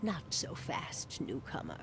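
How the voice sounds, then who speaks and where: Slow, cryptic fortune teller played by an actress. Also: female voice, noisy background, natural voice. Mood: sly, bargaining. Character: mysterious cryptic female fortune teller in a noir game. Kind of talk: video game voice acting.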